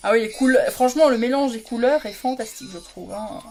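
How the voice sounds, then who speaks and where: A woman's voice: fairly high pitch, a little fast, darkish tone. A woman doing a casual makeup livestream from home, chatty and self-mocking, giggling often and greeting viewers by name. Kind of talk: casual live makeup chat.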